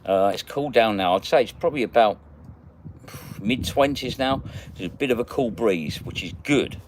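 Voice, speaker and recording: A man's voice: medium pitch, expressive, moderate pace, noisy background. A man hosting a casual livestream, chatting and greeting viewers by name as he reads their comments. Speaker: magnet fishing livestream host.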